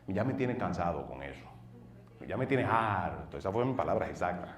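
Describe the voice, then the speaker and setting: A middle-aged man with a Dominican accent, a pastor telling his personal testimony in an earnest way, going from loud bursts to low murmurs. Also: very animated, brisk, soft background music. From northeastern United States. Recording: roomy sound from a distant mic.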